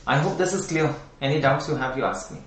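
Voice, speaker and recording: A man's voice: fairly high pitch, fast talker, slight background noise. A middle-aged man with an Indian English accent teaching anatomy in an online lecture, quizzing students and repeating key terms. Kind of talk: online exam-prep lecture. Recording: echoey room, mic at a distance.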